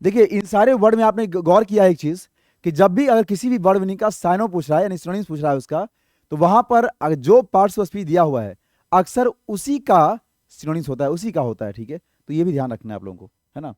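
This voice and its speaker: A man's voice: high voice, animated, a little fast, darkish tone, dry recording, clean studio sound. A man teaching English vocabulary in an online exam-prep lesson, explaining patiently, asking rhetorical questions and checking in often.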